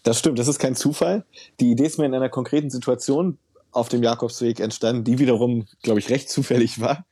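A man's voice: mid-range voice, fairly even intonation, quick pace, warm tone, husky, dry recording. A man, a work researcher and author, answering interview questions in a thoughtful, explanatory way with occasional fillers.

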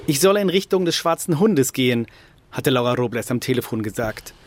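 A man's voice: medium pitch, expressive, noisy background. A man narrating a radio portrait in scripted, descriptive reportage. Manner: descriptive, measured.

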